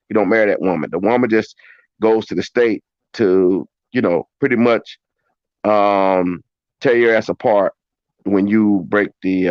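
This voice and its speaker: A man in his forties giving his view on a panel over a call, measured and full of fillers. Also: lowish voice, dry recording. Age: 40s. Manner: measured, many fillers and restarts. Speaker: panel guest. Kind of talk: casual opinion on a call-in panel. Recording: dull lo-fi call audio.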